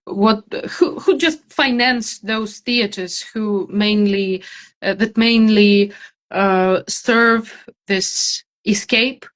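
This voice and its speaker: A woman's voice: medium pitch, drawn-out words. A woman with a Ukrainian accent giving thoughtful interview answers, hesitating as she searches for words. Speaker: interview guest, theater maker.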